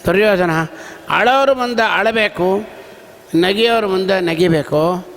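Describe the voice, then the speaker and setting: A man's voice: high-pitched, measured pace, a bit bright. A man giving a devotional sermon, telling the story dramatically and acting out the dialogue. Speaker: religious discourse speaker. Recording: reverberant hall.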